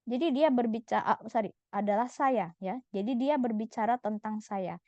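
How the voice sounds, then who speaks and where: Woman, language teacher, patient explaining, slightly high voice, dry muffled recording. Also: normal speed, darkish tone, no room sound. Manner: patient, explanatory, frequent "gitu ya" tag. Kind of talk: online language lesson.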